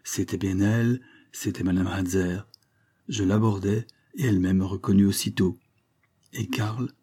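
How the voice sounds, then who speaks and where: A man reading a classic literary story aloud in a measured, storytelling manner. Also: low voice, steady tone, dark tone, husky. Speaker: audiobook reader. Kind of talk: scripted narration of a 19th-century story.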